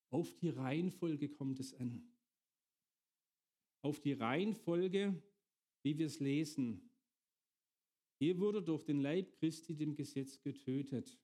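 A man's voice: mid-range voice, mellow. A middle-aged man preaching a sermon, often turning to his congregation with direct questions.

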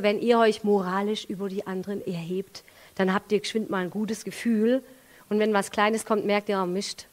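A woman with a Swabian accent preaching a sermon in a lively way, moving from quiet to loud and using everyday examples. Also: on the high side. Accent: Swabian German. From Swabia, Germany. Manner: lively, with big swings in loudness and everyday examples.

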